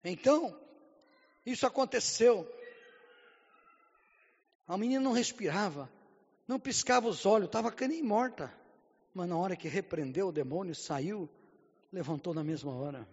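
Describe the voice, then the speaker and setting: High-voiced Brazilian pastor preaching fervently. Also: male voice, expressive, moderate pace, long pauses, slightly rough, big-room sound, muffled recording. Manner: vivid storytelling that builds to fervent, near-shouted preaching; keeps repeating a stock phrase to the congregation. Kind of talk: sermon with personal testimony.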